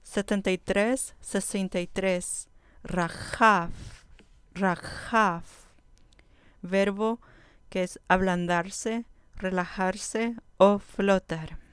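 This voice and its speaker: A woman teaching a vocabulary lesson at an unhurried pace, repeating each term slowly before she defines it. Her voice is very clear and smooth. The sound is dry and close, with no room echo. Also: medium pitch, steady tone. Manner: slow, careful, repeats each word. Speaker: Biblical Hebrew teacher.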